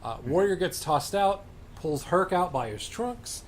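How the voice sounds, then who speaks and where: Sarcastic male podcast host, fairly high and animated voice, faint hiss behind; dry play-by-play recaps. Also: unhurried. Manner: dry, sarcastic, swears freely. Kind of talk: casual recap chat, reading play-by-play.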